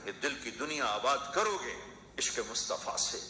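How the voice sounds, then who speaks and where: A man's voice: mid-range voice, very animated, pushed and bright, slight background noise. A man preaching an emotional sermon in rhythmic, repeating phrases. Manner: impassioned, rhythmic repetition. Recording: echoey hall with faint ambience.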